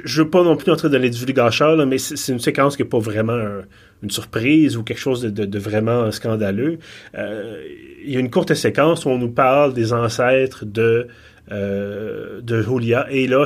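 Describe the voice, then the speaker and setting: Halting Quebec man in his thirties. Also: mid-range voice. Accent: Quebec French. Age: 30s. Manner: thoughtful, halting with repeated restarts. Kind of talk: casual film discussion.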